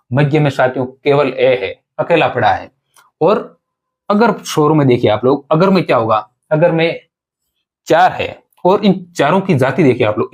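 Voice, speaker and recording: A man's voice: fairly high pitch, darkish tone, breathy edge. A man teaching an exam-prep grammar lesson, explaining step by step, repeating points and asking rhetorical questions of his students.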